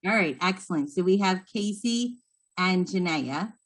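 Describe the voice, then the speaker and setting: A woman's voice: on the low side, lively intonation, measured pace. A woman leading a training session, explaining patiently and encouraging the trainees. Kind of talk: instructional talk to trainees.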